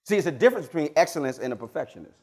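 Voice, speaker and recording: A pastor delivers a call-and-response sermon in a church. His voice sits high and swoops animatedly from line to line. He moves between loud, emphatic questions to the congregation and quiet, low asides. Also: sing-song, rapid-fire.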